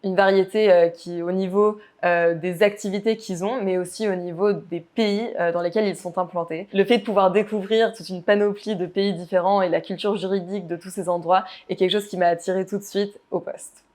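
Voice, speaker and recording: A woman's voice: mid-range voice, fairly even intonation, brisk, darkish tone. Earnest young woman lawyer explaining her job. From United States. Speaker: in-house lawyer. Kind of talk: company profile interview.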